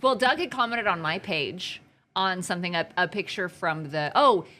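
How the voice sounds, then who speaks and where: Woman anchor from arizona, crisp bright voice, teasing and upbeat. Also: lowish voice. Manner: upbeat, teasing, quick comebacks. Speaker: news anchor co-hosting a community podcast. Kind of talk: casual chat.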